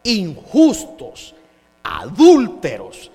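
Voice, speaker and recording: A man's voice: on the high side, animated, slow, soft background music, heavily acted. Brief: preacher playing a proud, self-satisfied religious man, boastful prayer, echoey hall. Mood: smug. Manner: smug, listing others' sins. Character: self-righteous proud male Pharisee praying.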